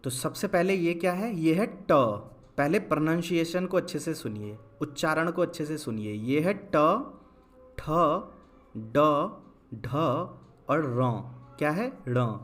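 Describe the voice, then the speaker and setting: A young man teaching a lesson, spelling words out slowly syllable by syllable and answering his own questions. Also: a little high, expressive, faint music behind. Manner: asks questions and answers them himself, drawn-out syllable-by-syllable spelling. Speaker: Hindi teacher. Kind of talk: classroom-style lesson.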